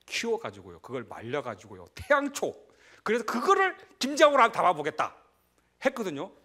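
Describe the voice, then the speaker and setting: A middle-aged man preaching a sermon as pastor, conversational and animated, breaking into shouts and laughter. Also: medium pitch.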